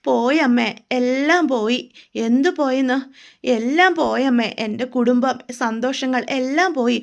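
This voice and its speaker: A woman's voice: sits high, a little slow, vocal fry. A woman voicing a grieving middle-aged mother who pours out her family's loss. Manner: sobbing, broken lament.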